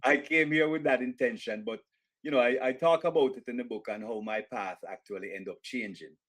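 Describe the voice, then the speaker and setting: A middle-aged man with a Jamaican accent, an author, answers an interviewer's questions in a measured, reflective way. His voice is medium-pitched and a bit bright, and he often pauses, using fillers and restarting sentences.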